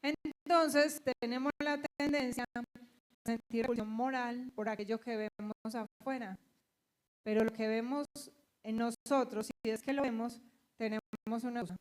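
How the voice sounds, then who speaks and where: A woman's voice: fairly high pitch, unhurried. Colombian woman pastor preaching. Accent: Colombian Spanish. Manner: animated storytelling, acting out quoted voices. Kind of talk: sermon with personal anecdotes.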